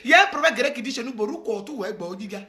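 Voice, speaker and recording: High, bright-voiced emphatic woman. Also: expressive, rapid-fire. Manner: emphatic and preachy, with exclamations and address to the listener. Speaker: commentator giving advice. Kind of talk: impassioned advice monologue. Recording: echoey room.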